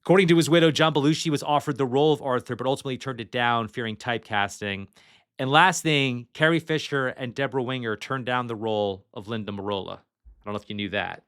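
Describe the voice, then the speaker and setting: A man's voice: medium pitch, quick pace, fairly bright tone, clean tone. A man hosting a casual movie podcast, chatty and loose, reading trivia from his notes and swearing now and then. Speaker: podcast host.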